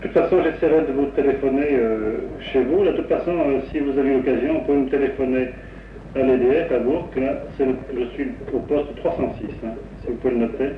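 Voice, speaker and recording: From his home radio station, a male radio amateur chats on air about his equipment, rambling and technical, with many pauses and hesitations. His mid-range voice comes through a crystal broadcast-style microphone about a metre away, captured in a roomy, distant, dull 1960s AM recording with a little hiss or hum.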